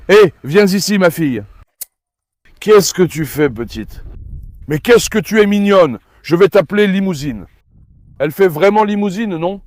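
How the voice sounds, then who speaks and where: A man's voice: high voice, a little mellow, no room sound. A man hosting a casual dog vlog, talking to his dogs and to the camera, coaxing and affectionate with the animals and pleading with viewers. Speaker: dog breeder and vlog host.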